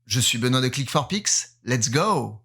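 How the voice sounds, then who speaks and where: A man from France hosts a casual photography vlog. He talks in a playful, self-mocking way, often hesitating with fillers. His voice sits at a middle pitch for a man. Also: big pitch swings, a little slow. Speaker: photographer running a giveaway.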